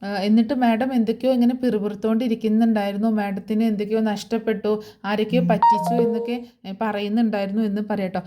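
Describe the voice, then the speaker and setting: A woman's voice: mid-range voice, little pitch movement, quick pace. A woman narrating a casual spoken recap of a TV serial, chatty, with many fillers and tag questions.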